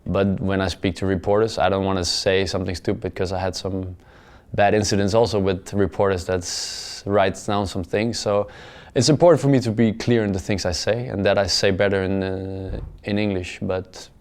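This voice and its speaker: This young football player speaks in a low, clean-toned voice with a flat, level pitch while giving post-match interview answers in careful English. Haltingly, he repeats words and uses plenty of "uh" fillers. His plain, measured sentences trail off quietly.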